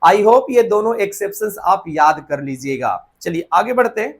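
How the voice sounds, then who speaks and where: Husky-voiced Indian grammar teacher. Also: male voice, high-pitched, expressive. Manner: spells out words letter by letter, checks understanding often; switches to slow deliberate reading for English rules. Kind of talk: whiteboard grammar lesson.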